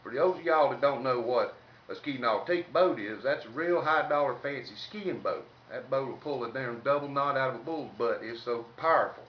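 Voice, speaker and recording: Speaking at normal speed with a medium-pitched voice, a Southern-accented man tells humorous stories in an informal, folksy, salty, colloquial way, as a comedic storyteller would. The audio is roomy and dull, picked up by a distant mic with faint noise.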